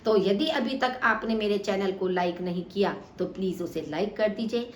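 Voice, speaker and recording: A woman teaching a grammar lesson for exam students, slow and deliberate, stressing each example word. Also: mid-range voice. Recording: echoey room, faint room noise.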